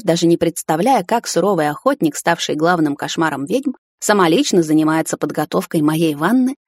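A woman narrating a first-person romance audiobook in an intimate, measured reading. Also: fairly low pitch, darkish tone, breathy edge, dry recording, studio quality.

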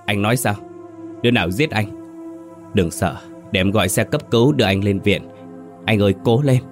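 A man's voice: fairly low pitch, moderate pace, faint music behind, close to an everyday voice. A man voicing a desperate young widow pleading in a ghost story. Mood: frantic. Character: frantic grieving young wife.

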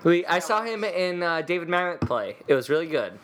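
A man's voice: a little high, sing-song, a little fast, a bit bright. A man hosting a casual podcast chat, rambling and joking as he tells a story. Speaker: podcast host telling a story.

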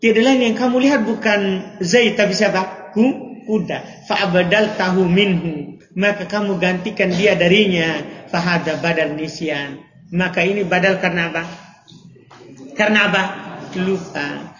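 High-voiced man teaching grammar. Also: normal speed, fairly bright tone, a little hiss or hum. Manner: questioning students, playful examples. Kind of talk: classroom lesson. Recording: echoey hall, dull audio.

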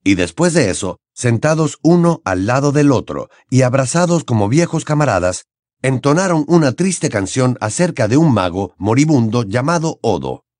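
A man narrating an audiobook in an expressive, dramatic storytelling manner. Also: medium pitch, moderate pace, no room sound, studio quality. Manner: dramatic, varied storytelling delivery.

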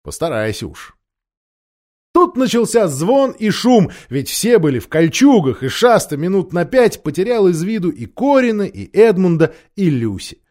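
A man narrating a children's story aloud, with expressive character voices. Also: sits high, normal speed, hardly any pauses. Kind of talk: audiobook storytelling.

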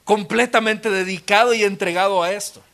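A male pastor, high-voiced, preaching in a church auditorium. He retells scripture vividly and with drama, addressing his congregation directly. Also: steady tone, brisk, sharp tone. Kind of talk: expository sermon.

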